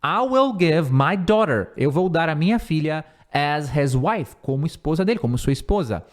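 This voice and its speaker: A man with a Brazilian Portuguese accent, an English teacher who explains grammar and repeats words slowly for pronunciation. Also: on the high side, animated.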